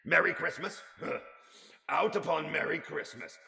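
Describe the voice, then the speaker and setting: A man's voice: mid-range voice, huge pitch swings, normal speed, gravelly, bright, forceful tone, voice pushed up, exaggerated voice. A man voicing a grumpy, indignant old miser, curt and scornful, in an audiobook-style reading of a classic story. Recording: echoey room with long reverb.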